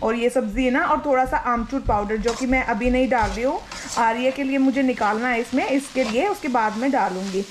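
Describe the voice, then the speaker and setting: A woman's voice: on the high side, fairly quick, slight background noise, poor audio. Chatty young woman narrating a cooking vlog. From India. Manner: chatty, explains each step, often adds filler "na". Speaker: home cooking vlogger and mother. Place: home kitchen. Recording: kitchen sizzle and stirring sounds.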